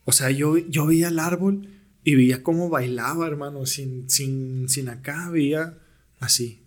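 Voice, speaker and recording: Young mexican dude telling stories on a podcast, lots of bro and güey, chill. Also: male voice, a little high, measured pace. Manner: slangy, laid-back, peppers talk with "bro" and "güey". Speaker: podcast guest, rapper. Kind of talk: casual storytelling interview.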